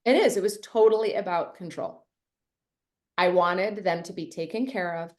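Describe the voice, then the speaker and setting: A woman's voice: on the low side, normal speed. A middle-aged woman from Canada, telling her story as a guest in a casual interview, full of "like" and "you know". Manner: chatty, lots of "like" and "you know".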